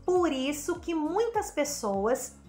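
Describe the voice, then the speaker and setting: A woman's voice: high voice, very animated, slow pace, darkish tone, soft background music. A woman psychologist giving an educational talk, explaining with rhetorical questions and everyday examples.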